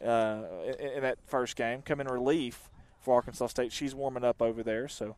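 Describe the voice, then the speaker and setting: A man doing chatty, rambling live softball commentary outdoors. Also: mid-range voice, steady tone, normal speed. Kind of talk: casual live sports commentary. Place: outdoor softball field on a windy day.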